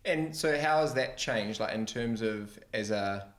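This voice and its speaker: Lowish-voiced male interviewer in an echoey room. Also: a little slow. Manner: informal, peppers questions with "like". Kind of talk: casual chat. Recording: roomy echo.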